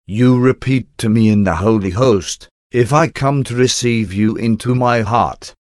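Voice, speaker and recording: A man slowly reading a devotional prayer aloud in a reverent, measured way. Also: medium pitch, a little mellow, no room sound, studio quality. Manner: slow, reverent, measured recitation.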